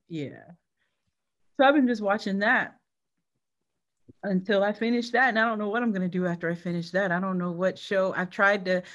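A woman's voice: lowish voice, a bit bright. A woman co-hosting a podcast, chatting casually and laughing often. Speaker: podcast co-host. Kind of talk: casual chat.

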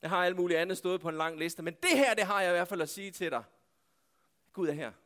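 A man preaching a sermon, swinging between loud impassioned calls to God and hushed, quiet passages. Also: high-pitched. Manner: impassioned, calling out to God, then dropping to hushed tones. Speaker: pastor.

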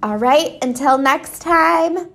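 This woman's high, slightly bright voice moves slowly as she rambles through an unscripted solo podcast chat about her habits. Congestion from allergies makes her sound stuffy and somewhat scratchy.

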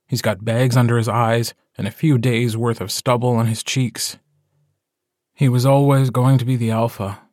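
A man narrating a short story as an audiobook, in a calm, measured storytelling voice. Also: medium pitch, no echo, studio quality.

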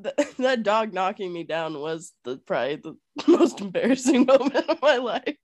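A woman's voice: mid-range voice, sing-song, moderate pace, a little mellow, no echo. A woman co-hosting a podcast in casual chat, telling stories and teasing her friend with plenty of swearing. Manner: profane, teasing, storytelling. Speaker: podcast co-host.

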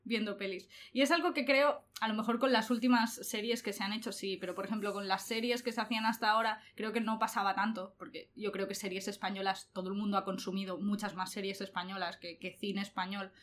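A woman's voice: medium pitch, fast, few pauses. A young woman, chatting casually and laughing often. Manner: animated, laughs often, colloquial. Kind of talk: casual chat.

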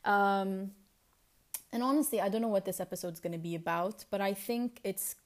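A woman's voice: medium pitch, normal speed. A woman with a Lebanese accent, partly Americanized, talks as a solo podcast host in a casual, confessional, reflective and rambling way.

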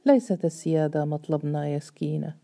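A woman voicing a calm, kindly male leader. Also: deep voice, quick pace. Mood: gentle. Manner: quiet, gentle and reassuring.

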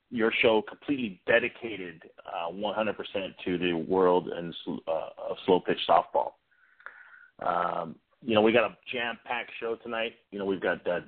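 A male sports radio host with a very low voice talks off the cuff, haltingly and informally. The sound is thin and phone-like, as on internet radio. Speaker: sports talk show host. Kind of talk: unscripted internet radio talk. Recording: muffled narrow-band phone-like internet radio.

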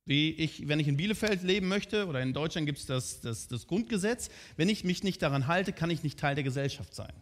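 A man's voice: fairly high pitch, expressive, brisk, few pauses. A man preaching a sermon in a conversational way, often asking his listeners direct questions.

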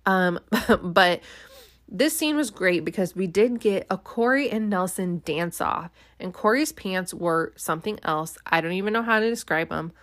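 Woman vlogger, casual and wry, filler-heavy recap delivery, lowish pitch. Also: moderate pace, fairly bright tone, no echo. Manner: chatty, frequent "like" and "um", wry. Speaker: reality show recapper.

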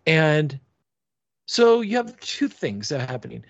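A man's voice: fairly high pitch, big pitch swings, unhurried, vocal fry, no echo, lo-fi sound. A man in casual podcast chat, rambling with frequent restarts and fillers. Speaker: podcast co-host.

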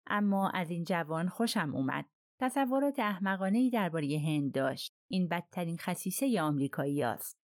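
A curt, stiff English army colonel who answers in short, cold sentences, as a woman reading a detective novel voices him. The voice sits a little low, and the recording is dry and close. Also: lively intonation, dry recording, natural voice.

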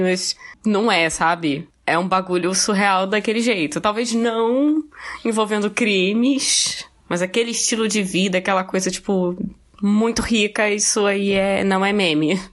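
Slangy Brazilian woman, mid-pitched. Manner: slangy, joking. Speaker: podcast co-host. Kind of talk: casual chat.

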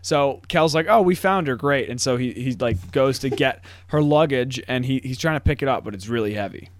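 A man's voice: medium pitch, brisk. Young man laughing through a casual recap. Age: young adult. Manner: laughs often, acts out quotes in funny voices. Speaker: podcast co-host. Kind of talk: casual chat recapping a TV episode.

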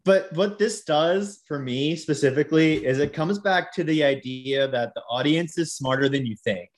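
A man's voice: fairly high pitch, normal speed. Chatty man laughing between thoughts. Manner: chatty, laughs often, rambling asides. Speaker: podcast co-host. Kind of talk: casual chat about TV and film.

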